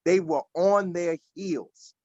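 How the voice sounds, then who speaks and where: Earnest older guy in his 60s, kinda high voice, dry muffled call audio. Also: takes it slowly, a little mellow, no room sound. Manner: earnest, emphatic, repeats himself. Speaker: panelist at an activist forum. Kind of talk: casual discussion on a video call. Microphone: video call. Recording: dull lo-fi video call audio.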